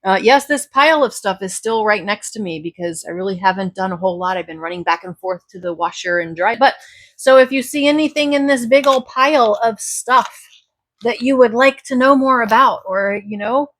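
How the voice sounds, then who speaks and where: A woman reselling thrifted clothes, chatting casually and rambling through a haul video, her voice a bit raspy from talking all day. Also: mid-range voice, fairly quick, fairly bright tone, dry recording. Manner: chatty, rambling, self-correcting. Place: at home beside a pile of clothes.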